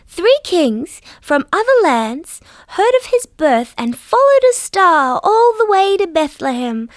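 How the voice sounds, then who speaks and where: Dorothy the Dinosaur, high and singsong. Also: female voice, no room sound, heavily acted. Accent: Australian. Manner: sweet, patient, carefully enunciated. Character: friendly, gentle female dinosaur teaching young children. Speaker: children's show character. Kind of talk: scripted storytelling for small children.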